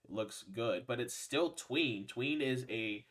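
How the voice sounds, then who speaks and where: A man co-hosting a casual live stream chat, rambling and crude, getting animated when he jokes. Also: mid-range voice, takes it slowly. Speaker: podcast co-host.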